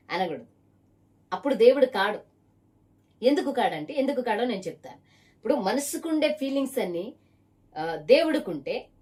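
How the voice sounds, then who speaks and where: A woman evangelist preaches her testimony at a middling pitch. She talks emphatically and presses a single listener again and again with pointed rhetorical questions. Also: darkish tone, recorded from a distance. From Visakhapatnam area, Andhra Pradesh.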